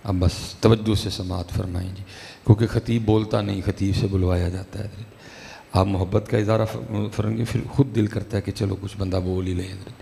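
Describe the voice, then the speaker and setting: A man delivering a sermon at a religious gathering, moving between slow chanted recitation and casual, conversational explanation. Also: on the low side, steady tone, creaky, mellow. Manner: conversational, repeats "ٹھیک ہے جی". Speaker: religious speaker. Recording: echoey hall, faint background noise.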